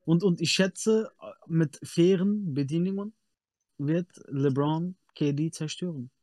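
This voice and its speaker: A man's voice: fairly high pitch, a little slow, a little mellow, dry recording. A young man, chatting casually and insistently in slang, often repeating himself for emphasis. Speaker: podcast panelist. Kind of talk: casual chat, slangy sports debate.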